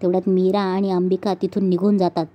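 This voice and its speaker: A woman's voice: on the low side, little pitch movement, quick pace, lo-fi sound. A woman retelling a TV serial episode, steadily narrating events and reading the dialogue aloud.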